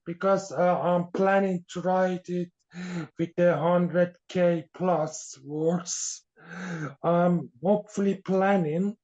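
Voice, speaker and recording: A man from Iran, an author being interviewed, speaking haltingly with frequent fillers as he searches for words. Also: high-pitched, fairly even intonation, darkish tone. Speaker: author guest. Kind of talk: podcast interview. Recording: dull lo-fi sound.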